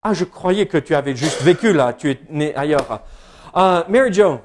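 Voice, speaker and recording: A man's voice: fairly high pitch, expressive, moderate pace. A male pastor preaching a sermon in French with an English-speaking accent, joking and chatting with the congregation between hesitations. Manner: jokey, chats with the congregation, frequent hesitations. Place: church service.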